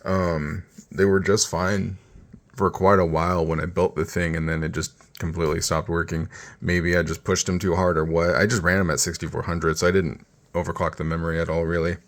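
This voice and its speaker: A man's voice: sits low, flat delivery, brisk. A man giving a casual, rambling tech rant over a screen demo, sounding weary and exasperated. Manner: rambling, informal. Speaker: tech vlogger.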